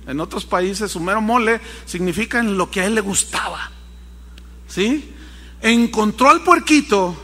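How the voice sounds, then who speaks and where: A man preaching a sermon, telling a story with animated acted-out voices. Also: high voice, big-room sound. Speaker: pastor.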